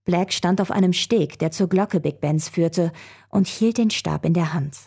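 A woman reading a children's adventure story aloud, telling it in a calm, even way. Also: fairly low pitch, a little slow, gravelly, slightly rough.

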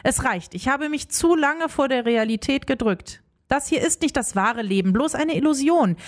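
A young woman narrating a first-person story in an expressive, emotional way. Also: a little high. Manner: expressive, emotional, acts out dialogue.

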